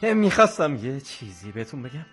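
A woman playing a shy male coworker who stammers and then shouts his confession, in a radio comedy. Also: a bass voice, very animated, soft background music.

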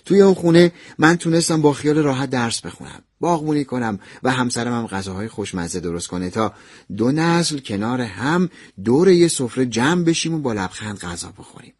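A man narrating a listener's first-person story in an expressive, dramatized radio style. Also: medium pitch, slightly rough, no echo, studio quality. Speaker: narrator reading a listener's letter.

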